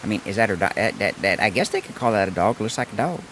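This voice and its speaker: A hoarse man voicing a rambling, stammering old rural country man with a raspy voice. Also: fairly low pitch, animated, fast, fairly bright tone, slight background noise, poor audio.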